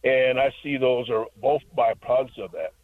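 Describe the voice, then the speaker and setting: Guy calling into a radio show, tinny phone audio, mid-pitched voice, gets wordy. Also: fairly even intonation, moderate pace. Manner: earnest, talkative, quotes scripture. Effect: heard over a phone line on the radio. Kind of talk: caller on a call-in radio show.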